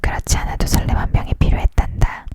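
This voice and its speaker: A storyteller reading a novel aloud in a whispered ASMR style, leaning in to whisper. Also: quick pace. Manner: leaning in to whisper, hushed narration.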